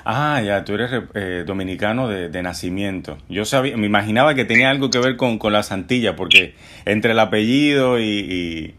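A man interviews a guest in a halting way, often doubling words before moving on. His voice sits somewhat low. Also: noisy background. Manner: halting, repeating words as he talks. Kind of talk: interview conversation.

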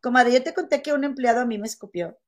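A woman's voice: fairly high pitch, fast talker. A woman with a Mexican accent in casual chat, telling stories to a friend and calling her comadre. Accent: Mexican Spanish. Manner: animated storytelling, calls her friend comadre.

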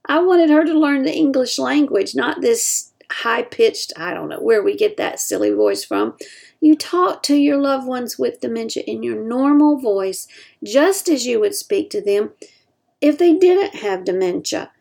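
Earnest woman advising caregivers, gravelly. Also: on the high side, animated, a little mellow. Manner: earnest, slows down to stress key points; acts out example quotes in other voices. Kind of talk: advice talk to caregivers.

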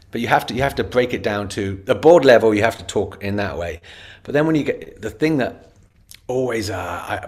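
Male interview guest, low-leaning voice, animated storyteller who acts out dialogue. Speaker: interview guest, customer experience leader. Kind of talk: casual interview answer.

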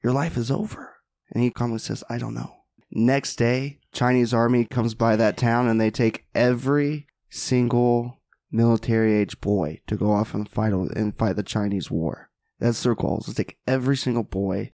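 A man's voice: medium pitch, normal speed, dry recording. Man telling a story in a dry voice. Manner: animated, says "right?" and "like" often. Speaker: podcast guest, mindset mentor. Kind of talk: casual storytelling.

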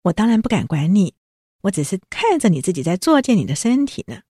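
Woman doing a young guy begging his sweetheart to calm down, earnest, lively, a bit husky. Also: medium pitch, fast, no room sound, clean studio sound. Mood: pleading. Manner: placating, earnest. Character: young man, pleading and coaxing.

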